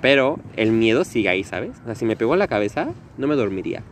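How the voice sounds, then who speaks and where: Animated Mexican man with lively pitch. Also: quick pace, slight background noise. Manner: animated, dramatic, acts out quoted voices, laughs often. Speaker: podcast co-host. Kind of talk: casual chat.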